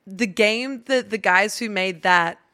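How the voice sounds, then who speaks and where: A woman with a bright, forceful voice chats on a podcast, telling a story in an animated, rambling way and full of ums and restarts. She is recorded on a close, dry mic with no room sound. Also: mid-range voice, measured pace, no room sound. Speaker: podcast guest. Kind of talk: casual chat.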